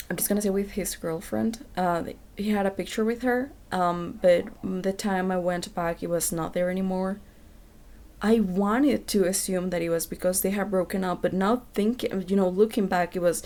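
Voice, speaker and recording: A young woman with a mellow, relaxed voice tells a personal story straight to the camera. She rambles candidly, leans on fillers and "you know what I mean," and swears without a second thought. Her delivery stays at an ordinary middle pitch. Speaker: vlogger. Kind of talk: casual storytime monologue.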